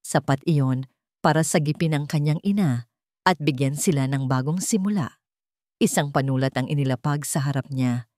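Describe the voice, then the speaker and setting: A Filipino-accented woman narrates a scripted, dramatic tale at a moderate pace, her low-pitched voice slightly mellow. The recording is clean studio quality, free of echo.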